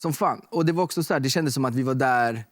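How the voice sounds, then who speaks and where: A man's voice: mid-range voice, no echo. Young male guest, loose and chatty, fills his talk with filler words, dry close sound. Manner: relaxed storytelling with fillers like "liksom" and "typ". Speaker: guest artist. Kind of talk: casual chat.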